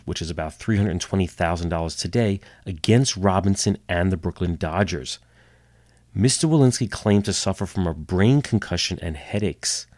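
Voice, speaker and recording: Slightly nasal from a cold he's getting over, a man hosts a storytelling history podcast, adding dry, wry asides. His low voice is a little mellow, captured dry on a home computer setup.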